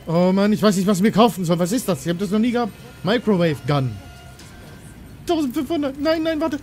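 A man playing a co-op game with friends, excitable and prone to panicked yelling and swearing. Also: high-pitched, quick pace, soft background music. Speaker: gaming channel host. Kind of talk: Let's Play co-op commentary.

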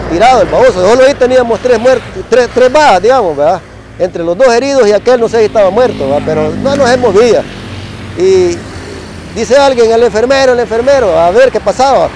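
Salvadoran ex-soldier, middle-aged man, high voice, chatty storyteller with a constant "va" tag and gunshot sounds. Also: darkish tone, slight background noise, poor audio. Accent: Salvadoran Spanish. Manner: tags nearly every phrase with "va", mimics gunshots. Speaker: former soldier telling a war story. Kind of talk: casual spoken storytelling.

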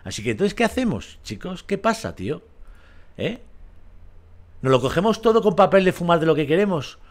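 A man's voice: high-pitched, very animated, normal speed. A man with a Spain Spanish accent, ranting on a livestream in a blunt, profane, combative way and keeps asking his audience if they agree. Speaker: streamer.

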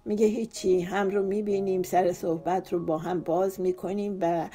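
A woman's voice: lowish voice, flat delivery, dark tone, close to an everyday voice. A woman voicing a playful, affectionate young husband who jokes and then speaks tenderly, in an audiobook. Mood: teasing. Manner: teasing joke-telling, then tender.

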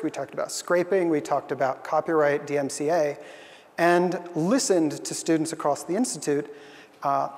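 A young adult man with a slightly high voice gives an earnest, thoughtful talk as a conference speaker on a stage in a large hall. He uses fillers often.

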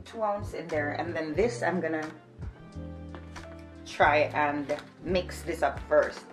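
A Jamaican woman in her twenties chats casually to camera in a how-to vlog, explaining each step as she works. Her voice sits low and she takes it slowly, with faint music behind her, recorded by a camera on a shelf a few feet away.

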